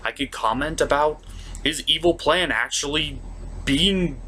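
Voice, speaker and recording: A man with a fairly high, sharp-toned voice speaks a little slowly, with noticeable background noise in the recording. He's a cartoon reviewer and show host delivering casual scripted review commentary in a theatrical, emphatic style.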